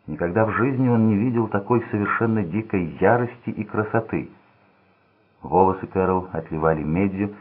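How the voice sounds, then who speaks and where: A man narrating a thriller audiobook in a steady, measured reading voice. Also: deep voice, breathy edge. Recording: tinny phone-like sound.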